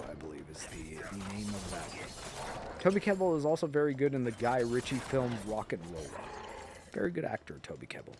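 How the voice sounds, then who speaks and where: With a medium-pitched voice and a bit of hiss or hum in the audio, a livestream host rambles and jokes with his viewers. He is animated, chuckles often and occasionally drifts into muttered asides.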